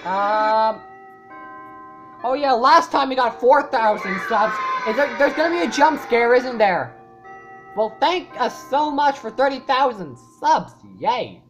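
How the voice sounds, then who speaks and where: A woman YouTuber giving casual reaction commentary, rambling and swearing often, with loud startled outbursts. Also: a little high, expressive, unhurried, dull audio, music in the background. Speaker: YouTuber reacting to a fan animation.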